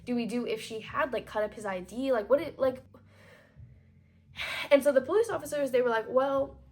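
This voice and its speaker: A woman in her twenties telling a storytime vlog, chatty and animated, full of fillers, acting out what people said. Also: high voice, moderate pace. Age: 20s. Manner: chatty and animated, lots of "like", voices quoted people. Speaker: vlogger. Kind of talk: storytime vlog, casual retelling.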